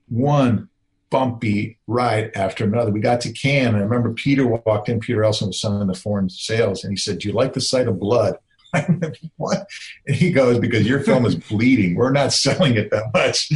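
A middle-aged man telling a personal story in a conversational way, acting out the voices of the people in it. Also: medium pitch. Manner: earnest, conversational, acts out quoted voices. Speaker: filmmaker telling his story. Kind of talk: personal storytelling, public speaking.

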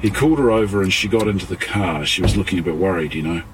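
Halting New man giving testimony. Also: low-pitched, background noise. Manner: halting, with restarts and swearing. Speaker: witness in a police interview. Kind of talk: recorded police interview testimony.

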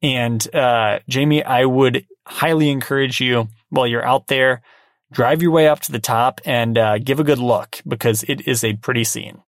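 A man co-hosting a casual podcast, talking in a relaxed, wry way with plenty of restarts. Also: medium pitch, normal speed, no room sound, studio quality. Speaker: podcast co-host. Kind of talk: casual chat.

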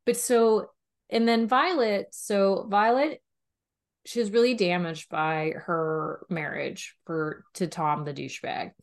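A woman co-hosting a book review podcast, chatting casually with a steady stream of "like" and quick laughs. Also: medium pitch. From Pennsylvania, US. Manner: chatty, heavy use of "like", animated and laughing. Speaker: podcast co-host reviewing romance books. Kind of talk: casual chat.

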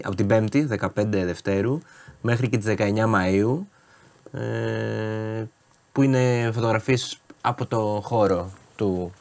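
Man, co-host, lowish voice, wry, ironic, casual recommendations. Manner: wry, ironic, pushes back calmly. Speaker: radio co-host. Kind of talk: casual talk and event recommendations.

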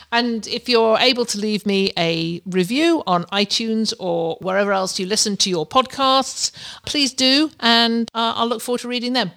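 A woman's voice: mid-range voice, a bit bright. Effusive middle-aged woman hosting a podcast. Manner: effusive, addresses listeners directly and personally. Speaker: podcast host. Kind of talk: unscripted podcast sign-off, chatting to listeners.

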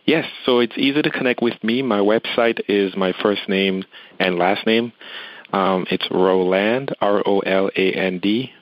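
Deep-voiced man from Cameroon. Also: a little slow, no echo, muffled recording. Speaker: guest. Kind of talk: casual interview.

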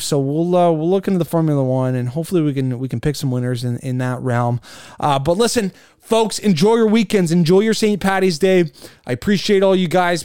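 A man's voice: on the high side, darkish tone, clean tone, no echo, clean studio sound. A man hosting a solo sports podcast, rambling casually through the week's events with many fillers and restarts. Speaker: podcast host.

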